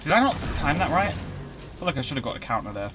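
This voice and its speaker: A young man chatting casually as he streams a video game, rambling and breaking into excited outbursts. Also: a little high, very fast, over music. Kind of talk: casual live-stream commentary.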